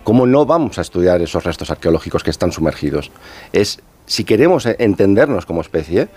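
A man, an underwater archaeologist being interviewed, explaining in a measured, patient way with pauses. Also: sits low, sing-song, warm tone, slightly rough, soft background music. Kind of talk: explanatory radio interview talk.

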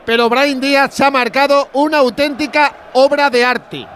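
A man with a Spain Spanish accent and a high voice offers emphatic football punditry over a live match. There is light noise behind him. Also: moderate pace, a bit bright. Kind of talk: excited match commentary and opinion.

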